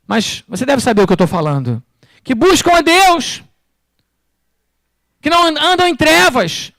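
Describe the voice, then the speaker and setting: A man preaching a sermon in Brazilian Portuguese in church, firing rhetorical questions at the congregation and swinging between loud bursts and quiet asides. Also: very high-pitched, dry recording, clean studio sound. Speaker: pastor.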